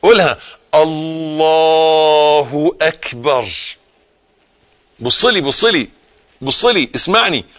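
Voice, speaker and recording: A man with an Egyptian accent giving a live religious lesson, repeating key phrases and dropping from forceful emphasis into hushed tones. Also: sits high, very animated, fairly quick, husky, muffled recording. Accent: Egyptian Arabic. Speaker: religious teacher.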